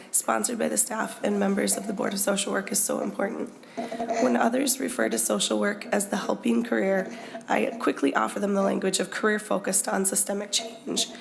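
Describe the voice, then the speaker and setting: Croaky, hoarse middle-aged woman giving formal testimony. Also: medium pitch, a little hiss or hum. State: hoarse from a lingering illness. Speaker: board chair giving testimony. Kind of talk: formal prepared committee testimony.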